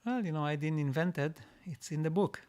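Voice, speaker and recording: A man from Israel with a higher voice hosts a live-streamed casual Q&A, reading out viewer comments and then answering them. His speech is halting, with frequent restarts and repeated words. His tone is darkish and clean.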